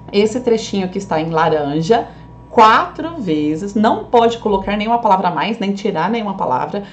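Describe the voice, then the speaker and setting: A woman's voice: medium pitch, darkish tone, slight background noise. Patient woman teaching a recorded class. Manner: patient, checks in often with the class.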